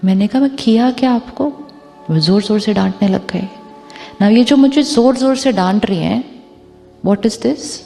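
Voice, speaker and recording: A woman spiritual teacher giving a talk to an audience, mixing Hindi and English, slowing down on the English phrases and asking rhetorical questions. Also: mid-range voice, gravelly, mellow, big-room sound, faint music behind.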